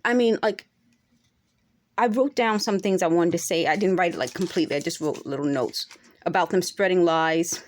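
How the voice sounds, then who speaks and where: A vlogger in her forties speaks directly to the camera in an unscripted monologue, earnest and insistent, occasionally climbing to emphatic peaks. Her voice is medium-pitched with a darkish tone.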